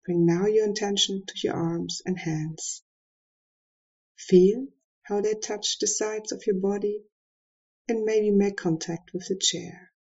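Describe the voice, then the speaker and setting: A woman leading a guided meditation, giving soft, calm instructions with long pauses. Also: medium pitch, muffled recording.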